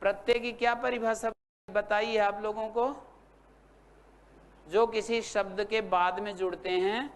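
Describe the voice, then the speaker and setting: A man's voice: sits high, level tone, clean tone. A man teaching a Sanskrit grammar class, patiently quizzing his students and reciting word forms one by one. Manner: patient, drills students with questions and repetition; spells out word forms slowly. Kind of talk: classroom lecture.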